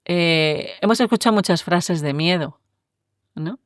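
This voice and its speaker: A woman, a neuroscientist guest explaining ideas in a relaxed interview, often ending with tag questions. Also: on the low side, a little slow, no echo, clean studio sound. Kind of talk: conversational interview.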